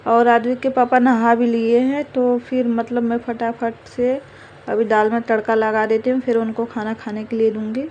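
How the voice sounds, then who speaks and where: A young woman talks her way through her household chores in a chatty, rambling vlog. Her voice sits fairly high and keeps a flat, even melody. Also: normal speed, dull audio, slight background noise. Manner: chatty, rambling, fillers of "matlab". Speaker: vlogger, mother. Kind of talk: casual home vlog narration.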